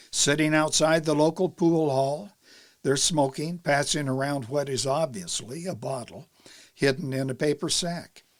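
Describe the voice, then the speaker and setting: A man narrating a history story in a scripted, dramatic storytelling style. He swings between hushed asides and loud stresses. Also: fairly high pitch.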